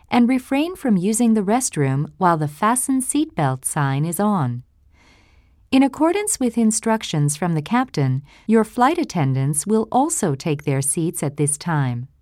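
A woman reading formal in-flight announcements in a polite, measured way, like a flight attendant. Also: mid-range voice, darkish tone, dry recording, studio quality.

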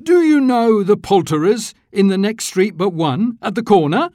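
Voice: medium pitch, moderate pace, no echo, studio quality, voice pushed up, lightly acted. A reader voicing an overjoyed old miser, calling out eagerly and exclaiming. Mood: giddy. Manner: excited, exclaiming.

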